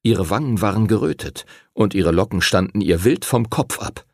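A man narrating an audiobook in an expressive storytelling manner. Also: fairly low pitch, moderate pace, no room sound, studio quality.

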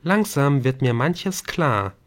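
A man reading a curious teenage girl in a raised, lively, wondering voice. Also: medium pitch, slow, pitched above the performer's own voice.

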